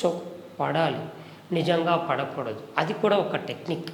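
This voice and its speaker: A man's voice: a little high, expressive, normal speed, gravelly, a little hiss or hum. A man teaching an acting class, explaining his points through hands-on examples. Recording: echoey room with long reverb.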